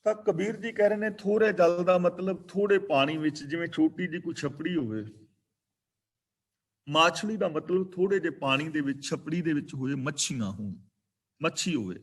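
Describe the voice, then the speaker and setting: A man teaching a scripture class, explaining verses in a measured way, slowing down to recite them and to spell out how they are pronounced. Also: fairly high pitch, breathy edge. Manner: explains pronunciation of scripture carefully. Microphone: online video meeting.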